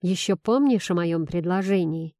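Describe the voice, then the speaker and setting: A woman's voice: fairly low pitch, normal speed, dark tone, no room sound, studio quality, natural voice. A woman voicing a tender, teasing male doctor. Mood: gentle teasing.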